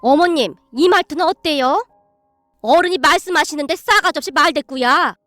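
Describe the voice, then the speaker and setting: A woman doing an eager soft-hearted mother-in-law. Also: sits high, moderate pace, dry recording, clean studio sound, soft background music. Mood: earnest. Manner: eager, earnest, practiced shouting. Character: timid middle-aged mother-in-law learning to be fierce.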